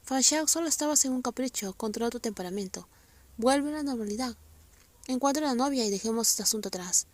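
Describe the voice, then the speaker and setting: A cold, weary male film director , played by a woman narrator, speaks in short, stern, quiet lines. The voice stays high and light, as in a read-aloud storybook. Each word is clipped and controlled. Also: a little fast, dry recording, close to an everyday voice.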